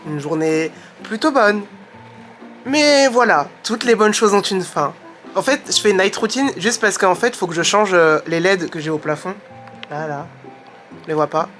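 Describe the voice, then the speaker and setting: A young woman vlogging at home in a chatty, excitable way, exclaiming as she goes, recorded on a camera mic. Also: medium pitch. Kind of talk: casual vlog chat. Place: at home, indoors.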